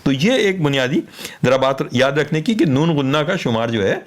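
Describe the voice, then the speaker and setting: Male radio guest, expert teacher, animated varied pitch, patient explanations. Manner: patient, teaching, spells out letters. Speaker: Urdu poetry expert guest.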